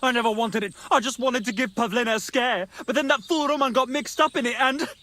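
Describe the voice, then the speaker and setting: An actor playing a menacing, panicky medieval hostage-taker in a video game, threatening and agitated, swearing coarsely. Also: male voice, very high voice, brisk, pushed and bright. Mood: desperate, agitated. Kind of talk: dramatic video game acting.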